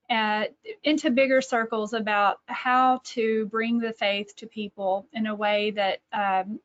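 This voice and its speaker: A middle-aged Texan woman who is a speaker, educator and author gives an informal online talk with personal anecdotes, thinking aloud and correcting herself as she goes. Her voice is somewhat high and fairly bright, and the video-call audio sounds a little dull and lo-fi.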